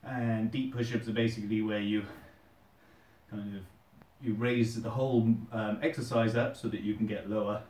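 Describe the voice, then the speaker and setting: A man's voice: lowish voice, fairly even intonation, normal speed, darkish tone. A British man hosting a casual workout vlog, chatting informally while he does push-ups. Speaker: host of a fitness challenge video. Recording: roomy echo, distant microphone.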